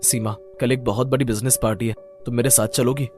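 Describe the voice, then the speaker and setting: A man voicing a young businessman husband in an animated story, speaking earnestly and plainly. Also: mid-range voice, quick pace, faint music behind, lightly acted. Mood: remorseful.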